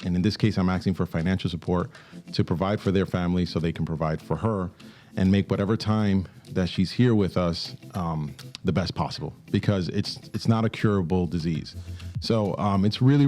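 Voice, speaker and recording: In a radio studio, a man with a deep, warm voice hosts a show, speaking fairly quickly with upbeat energy. His talk is casual and bilingual, switching between English and Spanish.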